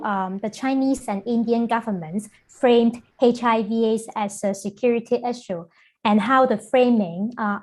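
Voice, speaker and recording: Higher-pitched woman from Hong Kong lecturing. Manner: measured, with frequent fillers. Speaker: guest lecturer. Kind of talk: online lecture. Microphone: video call.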